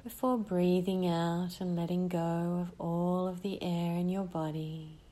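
A woman leading a guided breathing meditation, speaking in a slow, soothing way with long pauses between phrases. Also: lowish voice, steady tone, dark tone.

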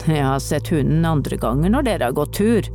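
A woman reading the lines of a warm-sounding but sinister stranger man in a children's storybook. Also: low-pitched, animated, soft background music. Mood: nervous. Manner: warm yet sinister, evasive. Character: creepy tall stranger man, the dog whisperer.

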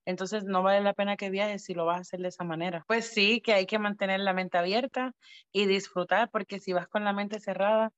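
A woman in casual chat, telling a story with animated restarts. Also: medium pitch, brisk, lo-fi sound.

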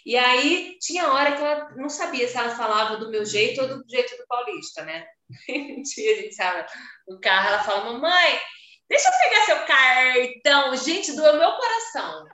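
A woman with a Carioca accent from Rio, chatting casually as podcast co-host and telling stories with lively swings in pitch. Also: moderate pace, reverberant. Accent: Carioca Brazilian Portuguese. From Rio de Janeiro, Brazil. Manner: animated, swooping pitch when telling stories. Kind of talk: casual chat.

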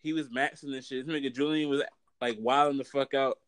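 A man's voice: medium pitch, fairly even intonation, fairly quick, no room sound. A man with an American accent hosting a casual, profane chat full of slang, talking as if among friends. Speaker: podcast host.

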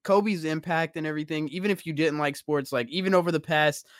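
A man's voice: on the high side, a little fast, no echo, studio quality. A young man hosting a casual podcast, chatting and joking with friends. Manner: laughing, animated banter. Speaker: podcast host. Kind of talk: casual chat.

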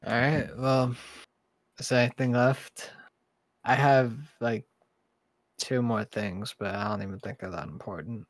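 A man's voice: mid-range voice, steady tone, unhurried, pauses often, no room sound, rough recording. A young man hosting a casual podcast chat, talking in a loose, rambling, slangy way. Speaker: podcast host.

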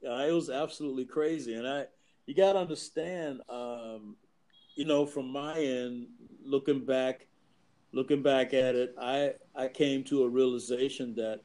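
A man's voice: medium pitch, fairly even intonation, mellow, rough recording. Reflective middle-aged man telling stories. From US East Coast. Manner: reflective, measured storyteller. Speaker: guest. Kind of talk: casual conversation, personal storytelling.

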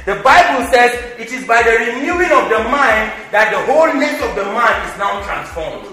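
Male charismatic preacher, very high and piercing, swings from shouts to quiet teaching, bursts into tongues. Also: lively intonation, normal speed, reverberant. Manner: voices God in the first person. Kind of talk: charismatic sermon.

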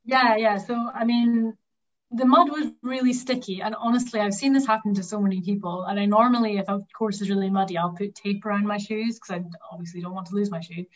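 A woman speaks in a Highland Scottish accent at a medium pitch. She is chatty and thinks aloud as she answers in a casual interview. The recording is a little dull and lo-fi. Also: fairly even intonation, a little fast. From Highlands of Scotland. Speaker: cross country runner being interviewed.

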